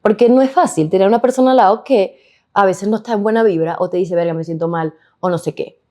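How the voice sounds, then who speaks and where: A Venezuelan woman co-hosting a casual podcast, telling stories in a slangy, lively way full of quoted asides. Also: mid-range voice, fast. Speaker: podcast co-host.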